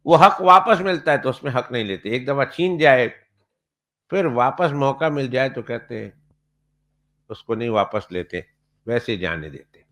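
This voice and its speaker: A man's voice: medium pitch, animated, fairly bright tone, lightly acted. A man voicing an argumentative male debate opponent in a retold story, using a raised and insistent delivery.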